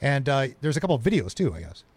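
A man's voice: mid-range voice, sing-song, quick pace, breathy edge. An American man hosting a live local radio show, moving between interview chat and sponsor reads.

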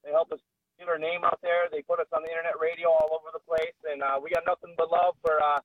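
A man's voice: a little high, level tone, fast, dry recording. A man in a band calling into a radio show on speakerphone, answering hesitantly with many ums and uhs. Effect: heard over speakerphone. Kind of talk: casual radio phone interview. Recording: tinny phone line.

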